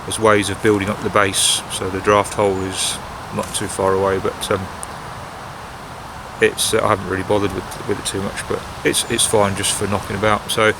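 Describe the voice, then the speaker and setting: Male vlogger, low voice, flat delivery, halting casual chat, clear outdoor background noise. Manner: hesitant, halting delivery with long pauses. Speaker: video host. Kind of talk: casual rambling vlog chat.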